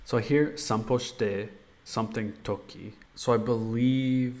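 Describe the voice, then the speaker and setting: A man practicing as a language learner, tentatively thinking aloud and haltingly sounding out Japanese. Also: medium pitch, fairly even intonation, a little mellow. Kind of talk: casual speaking practice.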